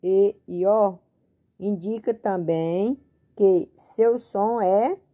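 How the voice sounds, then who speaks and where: A woman's voice: medium pitch, extremely slow, warm tone. A Brazilian woman teaching a patient spelling lesson at a board, spelling out and stretching words. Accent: Brazilian Portuguese. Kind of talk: slow spoken-out lesson at a board.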